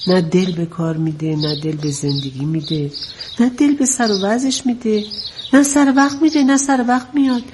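A woman's voice: mid-range voice, steady tone, noisy background, close to an everyday voice. An actress playing a worried, doting middle-aged mother who pleads and fusses over her son. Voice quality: pleading, fussing. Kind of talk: family drama acting.

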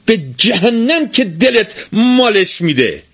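Reading a storybook folk tale, a man voices a weary, nagging, overworked wife in a raised, scolding voice that moves from pleading to shouting. His medium-pitched, slightly rough voice is pushed up and exaggerated, swooping wildly in pitch. The recording is dry.

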